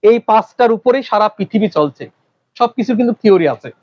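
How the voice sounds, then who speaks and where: Male teacher, high-pitched, quizzing a classroom, muffled lo-fi recording. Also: animated. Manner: quizzing the class with rapid questions. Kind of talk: classroom lecture.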